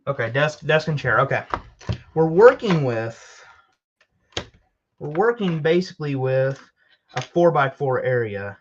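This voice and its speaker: A man's voice: on the high side, big pitch swings, a little slow, long pauses, highs cut off, a little hiss or hum. Rambling young-sounding man building Lego. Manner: rambling, self-mocking, talks to himself while building. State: tired. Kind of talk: casual build commentary.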